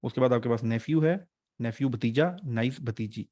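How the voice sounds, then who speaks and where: A male teacher runs an online exam-prep class in a chatty, joking way. His voice sits at an ordinary middle pitch and is recorded dry and close on a desk mic, with no room sound. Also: moderate pace, mellow, no echo, lo-fi sound. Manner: chatty, joking teacher mixing English terms.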